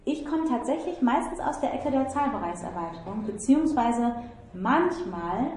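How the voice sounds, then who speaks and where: A woman's voice: on the high side, sing-song, normal speed, darkish tone. Woman lecturer explaining in an echoey room. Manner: patient, explanatory, thinks aloud. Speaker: mathematics lecturer. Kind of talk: tutoring session explaining algebra. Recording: echoey room, mic far off, faint noise.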